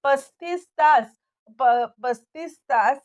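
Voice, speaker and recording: A young man fussing over his beloved in a doting voice, as a woman storyteller puts him on. He sounds pleading and attentive. The voice sits high. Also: takes it slowly, darkish tone, muffled recording. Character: young man, devoted suitor.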